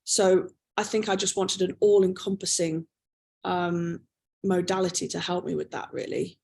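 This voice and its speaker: A woman's voice: on the low side, fairly even intonation, moderate pace, vocal fry, a little mellow. A woman practitioner explaining trauma release exercises as an interview guest, patient and explanatory, checking in with "okay?" and "you know".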